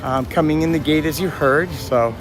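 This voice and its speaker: On a casual walk-and-talk livestream in a crowded theme park, a male host with a higher-pitched, raspy voice, hoarse from a concert where he yelled, chats with viewers and passersby at a moderate pace. The recording is rough, and music along with park and vehicle noise plays in the background.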